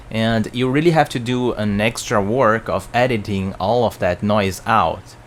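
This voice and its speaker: A man's voice: lowish voice, fairly bright tone, a little hiss or hum. A man giving a plain, explanatory product review at his home work desk, speaking into a desk mic on an arm. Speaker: tech reviewer.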